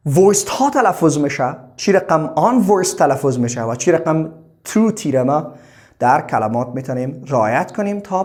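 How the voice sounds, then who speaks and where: Guy teaching pronunciation, voice swings up and down a lot, says each word slow twice. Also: fairly high pitch. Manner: slow, drawn-out model words, repeated for drilling. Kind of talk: bilingual lesson.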